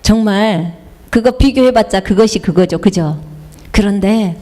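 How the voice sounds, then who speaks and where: A woman's voice: medium pitch, a little slow, dark tone. A middle-aged woman missionary with a Jeolla accent, preaching a sermon in a chatty way, telling personal stories and asking the congregation questions. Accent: Jeolla Korean. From South Jeolla, Korea. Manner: chatty, asks the congregation questions, slips into dialect.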